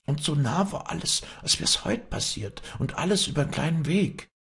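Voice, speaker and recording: A man's voice: fairly high pitch, very animated, normal speed, gravelly, fairly bright tone, pitched above the performer's own voice, exaggerated voice. A man voicing an anxious, superstitious old servant woman who wails and laments. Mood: worried. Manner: wailing, lamenting.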